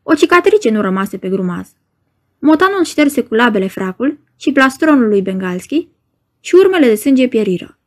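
A woman reading a novel aloud as an audiobook narrator, in an expressive, measured way. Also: fairly high pitch.

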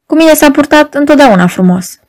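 A woman's voice: high voice, lively intonation, darkish tone, pitched above the performer's own voice. A woman reading an audiobook, voicing a proud, troubled married woman who speaks in an urgent, pleading, agitated way. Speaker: audiobook reader. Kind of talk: audiobook narration.

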